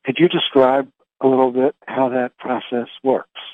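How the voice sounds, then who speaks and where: A man leading a spiritual meditation talk, reading questions and answers deliberately in short, halting phrases. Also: mid-range voice, steady tone. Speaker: meditation leader. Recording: roomy, thin phone-like sound.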